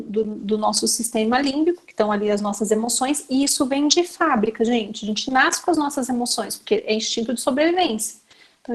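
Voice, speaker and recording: A Brazilian woman with a Brazilian Portuguese accent, teaching a class to educators in a chatty, conversational way and often turning to her listeners. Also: sits high. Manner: chatty, addresses the audience directly with frequent fillers. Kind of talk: conversational lecture.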